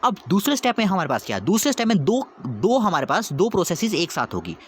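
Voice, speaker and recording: Male teacher, fairly high voice, rapid delivery, quizzing and answering himself, faint hiss behind. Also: wildly swooping pitch. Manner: explains step by step, constantly asking and answering his own questions; repeats 'theek hai?' to check understanding. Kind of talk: whiteboard lesson.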